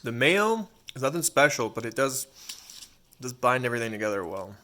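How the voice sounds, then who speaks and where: A man's voice: mid-range voice, sing-song, moderate pace, pushed and bright. A man giving a casual food review while eating crunchy fried chicken.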